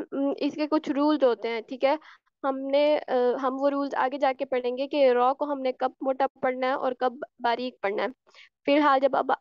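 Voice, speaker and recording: A woman with a high, smooth, clear voice teaches a recitation lesson over an online class. She demonstrates each sound by repeating it and keeps checking that her students follow. The audio is dry and a little dull, like a call mic. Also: no echo. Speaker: tajweed teacher.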